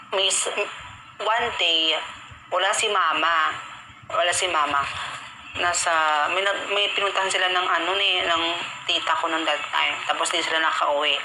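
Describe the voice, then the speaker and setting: A man's voice: fairly high pitch, background noise. A man hosting a live stream, telling a personal story in an emotional, repetitive way with English filler words mixed in.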